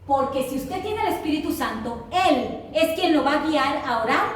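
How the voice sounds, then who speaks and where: Woman, preacher, high voice, emphatic call-and-response sermon, booming echo of a large hall. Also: animated, moderate pace. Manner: emphatic, asks the congregation to repeat after her. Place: church hall. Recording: very echoey hall, voice from far off. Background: congregation answering.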